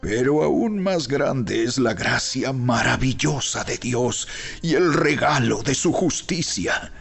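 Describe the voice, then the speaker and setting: A man narrates scripture in a solemn, emphatic style, taking his time and leaving weighty pauses. His voice is husky with a gravelly grain, and soft music plays behind him. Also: mid-range voice. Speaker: Bible narrator. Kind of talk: dramatized scripted Bible narration. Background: background music.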